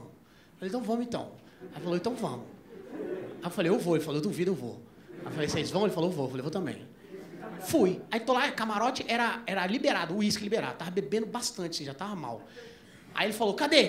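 A man doing stand-up, telling a long story and acting out both sides of the dialogue, his voice jumping up into near-shouts at the punchlines. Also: high-pitched. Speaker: stand-up comedian. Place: comedy club stage before a live audience. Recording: echoey club with crowd noise and laughter.

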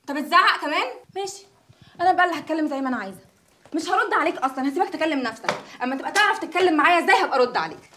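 A woman's voice: sits high, expressive, rapid-fire, slight background noise. A young actress with an Egyptian accent playing a rebellious college student who defiantly argues with her family in a TV drama. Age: young adult. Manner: defiant, shouting back. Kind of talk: TV drama dialogue.

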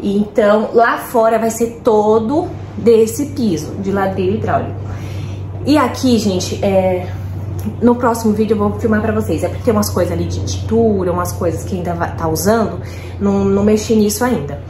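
A woman's voice: medium pitch, moderate pace. Brazilian woman, home vlogger, eager and talkative, echoey room. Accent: Brazilian Portuguese. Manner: chatty and excited, many fillers, addresses viewers as "gente". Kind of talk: casual chat. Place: at home, roomy indoor space. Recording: echoey room, faint background noise.

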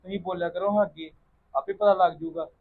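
Man playing a grandson, earnest and reassuring, high husky voice, thin phone-like sound. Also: fairly even intonation, quick pace. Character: caring grandson, protective of his grandmother. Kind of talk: family drama vlog acting.

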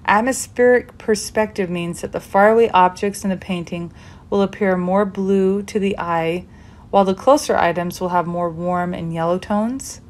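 A woman's voice: medium pitch, moderate pace. A woman giving an upbeat, chatty painting tutorial voice-over, encouraging her viewers. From United States. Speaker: art teacher. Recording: echoey room.

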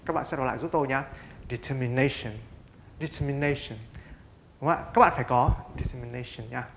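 A man's voice: medium pitch, very fast, vocal fry, fairly bright tone, a little hiss or hum. A Vietnamese-speaking man teaching an English lesson. He keeps asking rhetorical questions, answers them himself and drills pronunciation by repeating words. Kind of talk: classroom-style English lesson.

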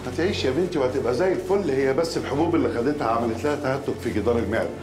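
An actor playing a calm Egyptian doctor who reassures a worried mother. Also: mid-range voice, very fast, over music, lightly acted. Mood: reassuring. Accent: Egyptian Arabic. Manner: reassuring, matter-of-fact. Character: calm, kindly hospital doctor.

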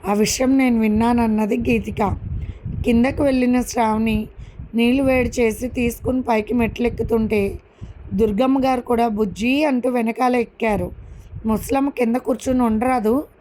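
A woman's voice: on the high side, slight background noise. A woman narrating a family love story and reading the dialogue of each character herself. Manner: lively, acts out dialogue with soft slow voices for characters.

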